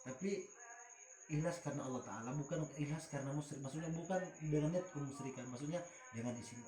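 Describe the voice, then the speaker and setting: A man's voice: fairly high pitch, quick pace, reverberant, music in the background. A man leading a spiritual healing session, switching between coaxing, reassuring talk and murmured Arabic prayers. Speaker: spiritual healer.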